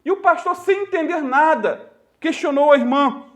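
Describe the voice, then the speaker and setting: A male pastor with a Brazilian Portuguese accent, preaching a sermon and telling stories to the congregation. He addresses his listeners as dear ones and brothers, and slows down to stress key phrases. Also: extremely high pitch, lively intonation, a bit bright. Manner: storytelling preacher addressing the congregation as "queridos" and "irmãos".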